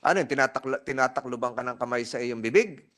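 A man's voice: medium pitch, fast, fairly bright tone. Man pressing a witness with questions. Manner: probing, repeats and rephrases his questions. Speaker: senator chairing a hearing. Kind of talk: formal hearing questioning. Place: legislative hearing room.

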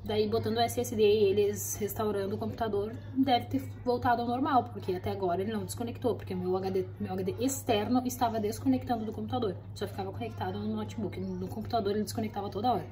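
Speaking Brazilian-accented Portuguese, a woman with a custom stationery business chats to the camera from her craft studio in a loose, rambling vlog, frequently asking viewers "right?" Her mellow mid-range voice is fast with few pauses and fairly even intonation.

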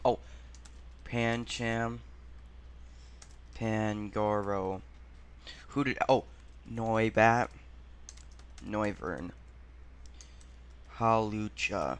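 A man hosting a gaming channel, thinking aloud through a quiz in a muttering, halting way and sounding out words as he goes. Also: lowish voice, fairly even intonation, a bit bright, clean tone.

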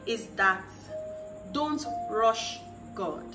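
An earnest woman with a medium-pitched, expressive voice gives preachy advice straight to the camera, speaking extremely slowly, repeating phrases for emphasis and acting out quoted voices. She's framed chest-up in a small room against a plain wall. A distant mic makes the sound roomy, with music behind her.

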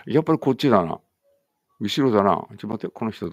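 Gravelly low-voiced male English teacher. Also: lively intonation, no room sound, dull audio. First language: Japanese. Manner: deliberate word-by-word drill reading with chatty asides. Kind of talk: reading vocabulary aloud with explanations.

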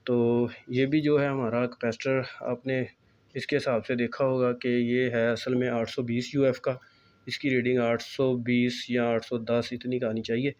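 A man, calmly explaining a step-by-step electronics repair at a workbench, recorded on a phone filming his hands. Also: medium pitch, moderate pace, dull audio. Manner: calm, explanatory, pointing things out. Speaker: repair technician.

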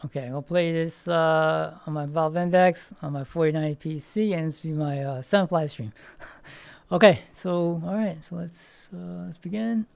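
Low-pitched with vocal fry and a slightly mellow quality, this woman talks at a moderate pace in a recording with no echo. Sitting at home in a VR headset, she live-streams a game and chats casually, hesitating, restarting and thinking out loud as she rambles.

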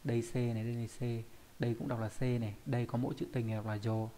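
A man's voice: mid-range voice, little pitch movement, very fast, mellow, a little hiss or hum. A man with a Vietnamese accent teaching a Japanese kanji lesson online, explaining each character step by step and often checking in with his students.

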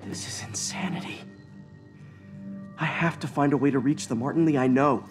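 An actor playing a young, wisecracking but earnest American superhero in a video game. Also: male voice, mid-range voice, moderate pace, music in the background, lightly acted. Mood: determined.

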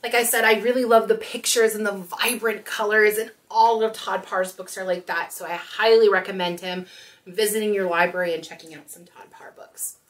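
At a small indoor storytime, a woman in her thirties reads a picture book aloud and talks expressively to young children. Her medium-pitched voice stays fairly even in intonation at a moderate pace, and she's far from the mic.

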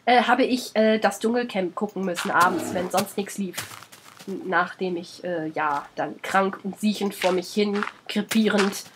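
A woman's voice: medium pitch, measured pace, noisy background. A woman with a German accent, sick and under the weather, chatting her way through a let's play, scolding the animals in the game and swearing casually.

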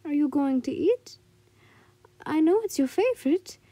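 A woman's voice: high-pitched, expressive, unhurried, mellow, no room sound. A woman voicing a kindly, motherly old woman caretaker who fusses and coaxes in an amateur story reading. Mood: coaxing. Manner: motherly, coaxing.

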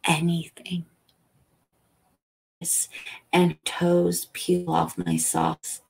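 A woman reading a novel aloud as a calm, soothing bedtime story. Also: deep voice, gravelly, breathy edge, low-quality recording. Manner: slow, calm, soothing delivery. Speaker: audiobook reader.

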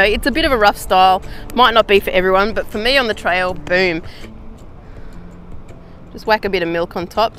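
An Australian woman vlogging outdoors in a casual how-to chat, slangy and relaxed with easy laughs. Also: medium pitch, slight background noise. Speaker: hiking vlogger.

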